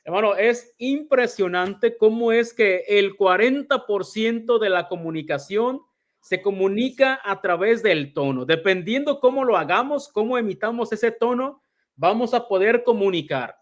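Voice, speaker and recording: A man's voice: sits high, animated, a little slow. A man giving a conversational Bible teaching, calling his listeners brother and acting out everyday examples.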